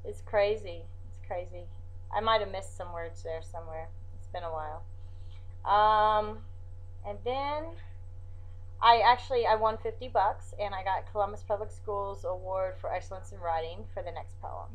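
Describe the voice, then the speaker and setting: A woman's voice: mid-range voice, fairly even intonation, moderate pace. A woman with a scratchy voice, reciting her own poems and singing them, between hesitant, self-deprecating remarks full of fillers. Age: adult, has a grown daughter. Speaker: amateur poet and singer.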